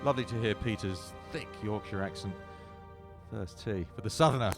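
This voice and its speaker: A man's voice: fairly low pitch, normal speed, over music. A man giving wry golf commentary with dry, playful understatement.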